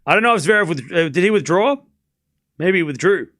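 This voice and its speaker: A man hosts a live sports watchalong in a hoarse, smoker's rasp. His voice sits a bit high and cuts through brightly and forcefully. He calls play informally and repeats himself between chats with viewers. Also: lively intonation, brisk. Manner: informal, repeats scores and phrases. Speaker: host of a live tennis watchalong. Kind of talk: casual live sports commentary and chat with viewers.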